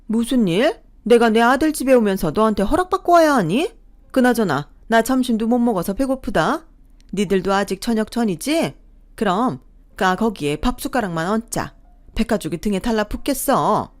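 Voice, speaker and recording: A woman's voice: fairly high pitch, lively intonation, normal speed, voice pushed up, lightly acted. A woman voicing a bossy, easily enraged mother-in-law who scolds and sneers. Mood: demanding.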